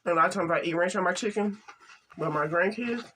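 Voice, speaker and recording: An older woman chatting casually to camera while eating, halting and soft-spoken, with some stutters. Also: lowish voice, slight background noise. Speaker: mukbang vlogger.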